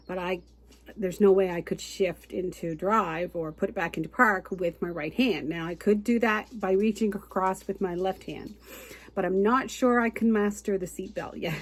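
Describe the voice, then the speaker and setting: Middle-aged female crafting host with a cold, somewhat low voice, casual and homey with fillers. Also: no echo. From Canada. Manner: chatty and homey, with frequent fillers and light laughs. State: has a cold, sucking on a cough drop. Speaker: cross-stitch and quilt pattern designer, channel host. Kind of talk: casual chat to camera.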